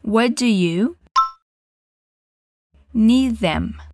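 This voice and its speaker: A woman teaching an English lesson, giving encouraging prompts and modelling phrases slowly for the listener to repeat. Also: fairly high pitch, expressive, warm tone.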